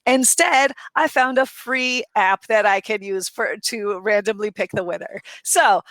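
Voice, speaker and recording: A woman's voice: medium pitch, unhurried, fairly bright tone, no echo. A woman co-hosting an online user group meetup, upbeat and laughing between remarks, on a video call. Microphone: home microphone on a video call.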